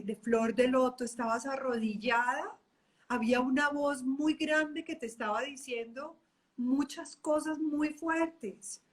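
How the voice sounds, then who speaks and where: A woman coach talking in a live online chat, her voice pitched a little high. She speaks warmly and with energy, and she often quotes inner voices as she goes. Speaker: life coach.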